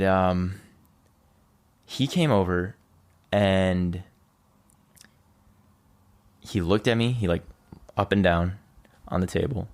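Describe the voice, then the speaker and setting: A young man, a podcast guest, telling a personal story in a loose, chatty way and acting out what people said. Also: deep voice. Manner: loose and chatty, heavy on "like", acts out quoted lines. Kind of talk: casual storytelling conversation.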